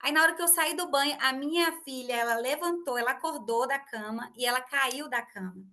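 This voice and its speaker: A woman in her thirties hosting a casual podcast conversation, telling an animated story and acting out family dialogue. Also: sits high, a little fast. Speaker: host.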